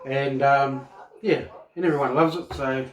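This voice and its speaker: A man's voice: mid-range voice, fairly even intonation, measured pace. A middle-aged man with a Maori New Zealand accent, giving a casual cooking demonstration in a laid-back, rambling, colloquial way. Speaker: home cook presenting a cooking video. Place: home kitchen, indoors. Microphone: phone camera across the counter. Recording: echoey kitchen, camera at a distance.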